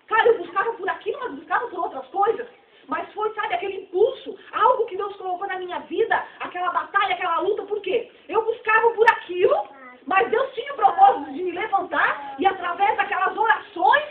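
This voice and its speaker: A woman's voice: very high-pitched, animated, a little fast. A Brazilian woman with a Brazilian Portuguese accent, preaching a fervent, emphatic sermon to a church fellowship. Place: church hall. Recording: tinny, distant, echoey church recording.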